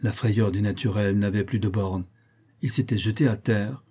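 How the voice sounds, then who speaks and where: A male audiobook narrator reading a first-person adventure. His voice is low, mellow and husky. He reads in a steady, measured way.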